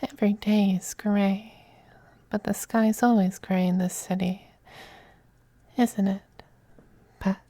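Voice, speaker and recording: For an ASMR roleplay, a man plays a silky femboy vampire, murmuring slowly in a mellow, high, feminine-leaning voice. Possessive and teasing, he drifts into soft whispers with languid condescension, wistful and level in tone, very close on a dry recording.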